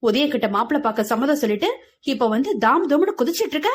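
A woman's voice: high-pitched, sing-song, fast talker. A woman voicing a stern middle-aged mother who scolds sharply. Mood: angry.

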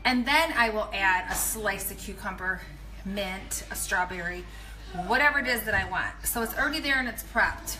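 At a moderate pace and in a mid-range voice, a pregnant woman in her thirties offers casual live-video meal prep tips as a nutrition coach, chatty and rambling with animated asides. She films in her home kitchen on a phone at arm's length, and the audio is poor.

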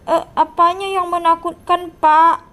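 A woman's voice: extremely high pitch, little pitch movement, unhurried, sharp tone, exaggerated voice. A woman voicing a teased, lonely monster schoolkid with a whiny, plaintive way of talking in a game role-play. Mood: pleading.

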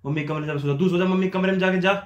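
Brief: quick, high-pitched man, stubborn bickering in an echoey bedroom. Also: fairly even intonation, muffled recording. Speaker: vlogger pranking his wife. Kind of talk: staged prank banter. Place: bedroom at home.

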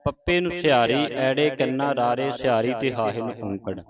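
A man teaching scripture pronunciation, chanting each line slowly, then explaining where to pause and how to sound the vowels. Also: medium pitch, crowd noise. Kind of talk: slow line-by-line recitation lesson. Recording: dull lo-fi audio with murmuring congregation behind.

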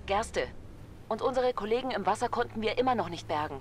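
Brief: desperate ship crew member, urgent marine-radio mayday, mid pitch. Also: female voice, animated, fairly quick, slight background noise. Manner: urgent, pleading. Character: woman calling for help from a burning cargo ship. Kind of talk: video game voice acting.

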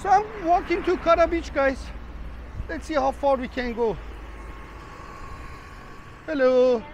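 A travel vlogger with a very high, darkish-toned voice strolls down a rainy street, chatting to viewers in an unhurried, rambling way and calling them "guys." Street traffic hums behind him.

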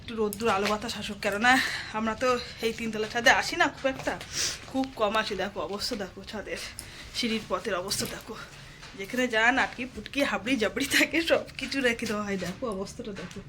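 A hoarse woman with a cold, chatting directly with viewers in a casual daily vlog recorded around her home. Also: mid-range voice, fast. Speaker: vlogger. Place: at home, kitchen and rooftop. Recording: home recording with clear background noise.

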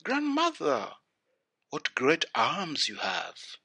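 A man's voice: on the high side, huge pitch swings, extremely slow, vocal fry, sharp tone, breathy edge, heavily acted. A man voicing an innocent, polite little girl in a storybook tale, naive and wide-eyed. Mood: wondering. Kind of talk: storybook character voice.

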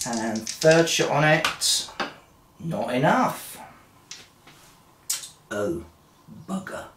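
A player runs a solo tabletop wargame, muttering dice sums, humming and chatting to themselves in a casual play-by-play of rolls. The mid-range voice has lively intonation and a very slow pace, captured by a distant mic with roomy sound and background noise.

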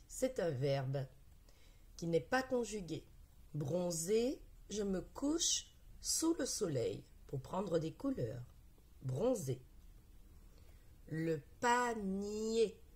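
Lady teacher reading sounds with little kids, super slow, husky voice, lively up and down pitch. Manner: slow, patient, encouraging, enunciates each sound. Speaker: primary school teacher. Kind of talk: reading lesson for young children.

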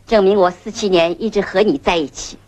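A woman's voice: medium pitch, steady tone, fairly quick, darkish tone, close to an everyday voice. An actress playing a blunt, ironic middle-aged woman. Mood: cutting, ironic. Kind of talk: 1970s film drama.

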